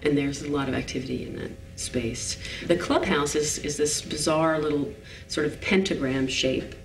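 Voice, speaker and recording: A woman in her forties, a set designer, talks thoughtfully in a behind-the-scenes interview, pausing to find her words as she describes the space. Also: low voice, steady tone, noisy background. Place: indoor studio set, large interior. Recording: roomy echo, voice from a distance.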